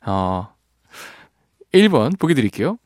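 Lively, playful male radio DJ. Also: medium pitch, takes it slowly, no room sound, studio quality. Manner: playful, laughs often, strains voice singing a line. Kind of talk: radio show chat with listener texts. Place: radio studio.

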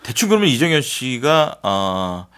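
A man's voice: mid-range voice, sing-song, a little slow, fairly bright tone, smooth. A man hosting a casual chat, asking curious questions and joking along. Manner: curious, asks questions, jokes about trying phrases. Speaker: host.

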